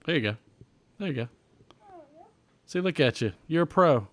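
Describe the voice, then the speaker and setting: A man's voice: a little high, animated, normal speed, a bit bright. A man hosting a livestream in a casual, chatty, jokey way, talking straight to his viewers. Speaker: live stream host.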